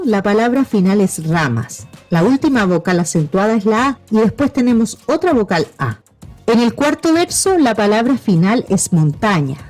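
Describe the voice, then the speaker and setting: A woman's voice: fairly high pitch, a little mellow. A woman teacher giving a scripted lesson narration, explaining patiently step by step.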